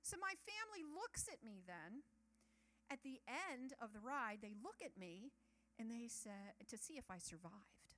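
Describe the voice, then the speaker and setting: A middle-aged woman speaking to a live audience, chatty and animated, with asides to the listeners. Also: a little high, a little slow. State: nervous about public speaking. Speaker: speaker at a church talk. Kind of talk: personal talk to an audience.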